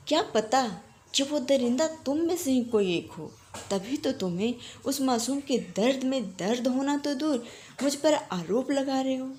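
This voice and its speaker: Woman as a distraught mother, impassioned, fairly high voice, faint noise behind. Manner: impassioned, shouting accusations. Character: grieving angry mother confronting a crowd.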